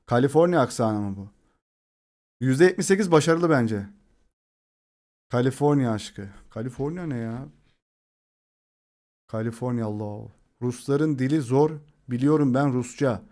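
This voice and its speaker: A man's voice: mid-range voice, animated, moderate pace, darkish tone. A young male streamer in casual chat with his audience. He jokes around and laughs often, and his voice sits in an ordinary middle range. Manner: joking, laughs often, chats with viewers. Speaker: live streamer.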